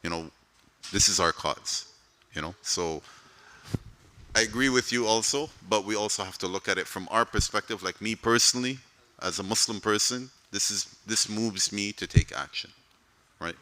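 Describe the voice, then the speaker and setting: A man's voice: lowish voice, normal speed, bright, forceful tone. A man from Palestine, speaking for an advocacy group, answers audience questions in a mosque hall in a conversational way, often saying "you know".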